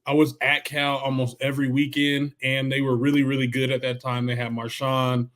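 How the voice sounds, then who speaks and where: A man from the Bay Area in California, a former football player now coaching high schoolers, telling recruiting stories as a podcast guest. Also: normal speed. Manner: relaxed storyteller, acts out quoted coaches. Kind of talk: casual interview storytelling.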